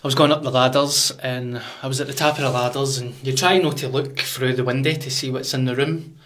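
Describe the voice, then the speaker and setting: A man's voice: medium pitch, fairly even intonation, brisk, a bit bright. A man with a broad Glaswegian Scots accent, hosting in matey, slangy casual chat close on a studio mic. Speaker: podcast host. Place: small podcast studio. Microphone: close studio condenser on arm.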